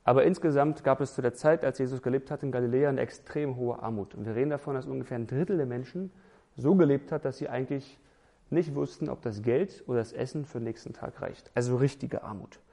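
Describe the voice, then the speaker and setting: A man's voice: medium pitch, quick pace, gravelly, dark tone. A man preaching a sermon, emphatic, building lists and asking rhetorical questions.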